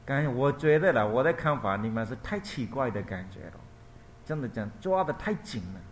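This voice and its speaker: A male monk telling a Buddhist story in a dharma talk. He is repetitive and explanatory, pauses to search for words and closes points softly. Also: medium pitch, lively intonation, a little hiss or hum. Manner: repetitive, explanatory, ends points with a quiet tag.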